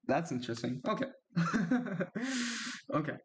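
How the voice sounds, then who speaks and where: A man talks through his strategy game in a relaxed, unhurried way, his voice sitting a little higher than most. He muses aloud and reacts to each turn with small exclamations. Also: a little hiss or hum. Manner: chatty, reacts aloud with gasps and laughs while playing. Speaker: gaming YouTuber. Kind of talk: casual strategy game commentary.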